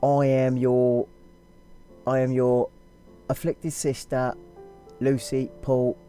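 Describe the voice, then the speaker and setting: A man's voice: medium pitch, completely flat delivery, takes it slowly, warm tone, faint music behind, natural voice. A man voicing a blunt, crude young woman reading a letter to her sister aloud, stumbling through it in a put-on accent.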